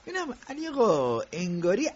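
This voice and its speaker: A man playing a domineering, quick-tempered factory owner in an audiobook radio drama, talking sarcastically to his workers. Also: sits high, wildly swooping pitch, darkish tone, husky, heavily acted. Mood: irritated. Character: domineering middle-aged male factory owner. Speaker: factory boss. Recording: dull lo-fi recording.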